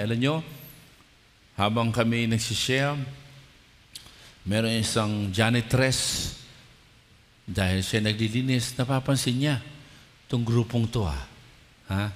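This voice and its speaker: A man, a bishop, preaching a Sunday sermon, exhorting the congregation and retelling stories with quoted dialogue. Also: mid-range voice. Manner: exhorting, prompts the congregation to respond. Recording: long hall reverb.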